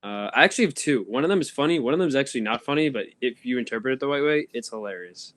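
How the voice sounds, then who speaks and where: A man's voice: mid-range voice, animated, very fast, fairly bright tone, no echo. Rambling young man on a dry mic. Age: young adult. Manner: rambling, laughing storyteller with many ums. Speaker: podcast co-host. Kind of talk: casual chat. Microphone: phone.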